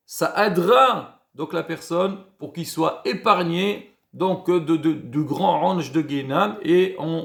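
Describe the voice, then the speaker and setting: A high-pitched man teaches as a rabbi, explaining each point calmly and sprinkling in Hebrew terms. His voice has a gravelly edge and rings in an echoey room. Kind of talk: casual religious lesson.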